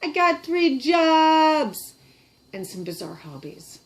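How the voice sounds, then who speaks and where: A woman's voice: high voice, very animated, slow pace. A middle-aged woman with a Canadian accent, chatting casually and giggling as she shows off her puppets at her kitchen table. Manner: chatty, giggly, self-deprecating. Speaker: puppeteer and vlogger. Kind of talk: casual show-and-tell chat.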